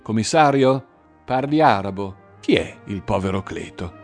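A man's voice: on the low side, expressive, normal speed, faint music behind. A man voicing a cocky male burglar in his forties, who talks in a sly, dismissive, mocking way.

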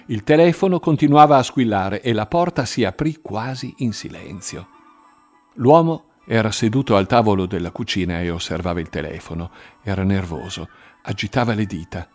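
A man's voice: on the low side, animated, a little mellow, soft background music. Man narrating a crime audiobook. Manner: measured, dramatic reading.

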